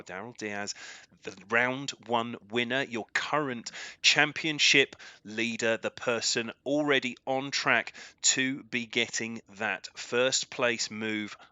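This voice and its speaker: A man commentating a live sim drift racing event, his voice climbing with excitement during the battles. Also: medium pitch, unhurried, no echo.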